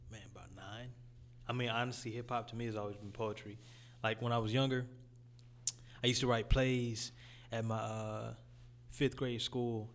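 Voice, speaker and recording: A young man from Detroit with a raspy voice, talking about his music in a laid-back, casual interview. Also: medium pitch. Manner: laid-back, loose phrasing with fillers. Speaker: guest rapper.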